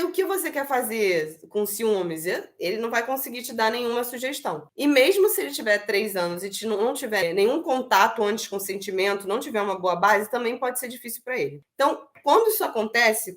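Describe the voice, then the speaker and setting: A woman talking through parenting advice, breaking into playful high voices to act out what to say to a child. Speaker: parenting educator.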